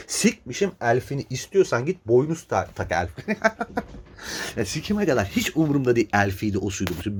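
A husky-voiced man on a podcast, venting in a heated, profane rant. His pitch leaps up and down as he talks, and he keeps breaking into incredulous laughter. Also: a little mellow. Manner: profane, exasperated, laughing in disbelief. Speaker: podcast host.

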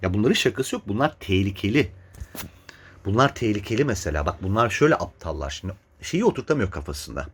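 A man's voice: lowish voice, very animated, quick pace, slight background noise. A man hosting a podcast, ranting in a heated, casual way, swearing and laughing in exasperated disbelief. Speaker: podcast host.

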